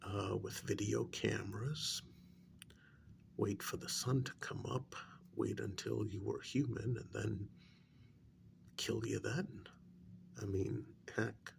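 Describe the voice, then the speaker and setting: A faint hiss or hum sits under this ASMR role-play, where a man with a lowish voice plays a calm government agent interrogating a captured werewolf in full character. He speaks softly and breathily, often almost whispering, in a measured, coaxing way.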